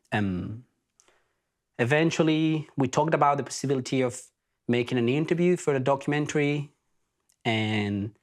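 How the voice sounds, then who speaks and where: A man from Argentina with an Argentine accent, hosting a podcast and telling his story in an earnest, reflective way. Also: medium pitch. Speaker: podcast host. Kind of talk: casual spoken introduction.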